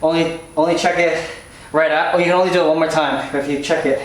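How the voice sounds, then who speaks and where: A man walking viewers through car maintenance in a casual how-to style, chatty and hurried as he works. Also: a little high, fairly even intonation. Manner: hurried, chatty, restarts phrases while working. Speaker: DIY car maintenance vlogger. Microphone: camera-mounted mic. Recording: echoey garage, faint noise.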